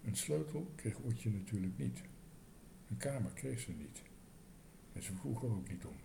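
A man reading a children's story aloud in a lively, expressive way. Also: on the low side, moderate pace, gravelly, background noise.

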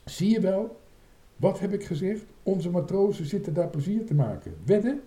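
A man's voice: mid-range voice, very animated, brisk, warm tone, reverberant, natural voice. A man voicing a bossy, scoffing girl sailor in a read-aloud storybook. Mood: triumphant.

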